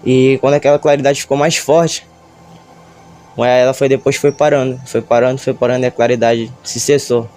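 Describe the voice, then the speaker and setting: A man with a Brazilian Portuguese accent gives a church testimony, nervous and halting, stammering as he retells it with feeling. His voice is mid-range with a darkish tone and a flat delivery.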